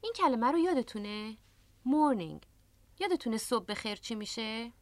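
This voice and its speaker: A woman with a somewhat high, animated voice hosts a radio language lesson. She explains each word patiently and step by step. The sound is close and dry, straight from a studio microphone. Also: no echo. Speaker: English teacher and radio host.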